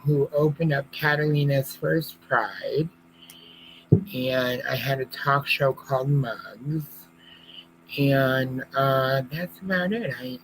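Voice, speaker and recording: A man chatting casually, talking out of the side of his mouth, as a guest on a livestream. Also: mid-range voice. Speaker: drag queen, guest on a livestream. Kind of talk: casual chat. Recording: clear background hum and noise.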